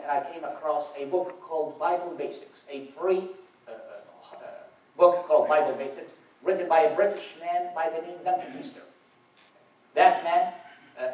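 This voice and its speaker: A young Iraqi man, whose first language is Arabic, gives a personal testimony as a guest speaker, telling his story wryly with dry humor. His voice is a little high and a little mellow. A far camera across a church auditorium catches him, leaving a roomy, distant echo.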